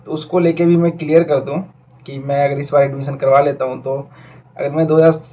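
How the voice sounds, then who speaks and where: A man's voice: on the high side, level tone, brisk, lo-fi sound. A young man in his twenties from India, talking earnestly and reflectively to camera and mixing in English words. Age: 20s. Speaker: vlogger and aspiring doctor. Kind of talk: casual talk to camera.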